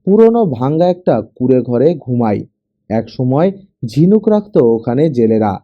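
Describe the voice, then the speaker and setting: A man's voice: mid-range voice, big pitch swings, a little slow, no room sound. A man voicing an earnest poor fisher boy. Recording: dull lo-fi audio.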